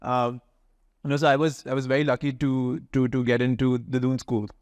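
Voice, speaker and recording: A man's voice: medium pitch, little pitch movement, fairly quick, dry recording. Educated Indian-accented man, close dry sound. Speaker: interview guest, education company founder. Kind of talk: conversational interview answers.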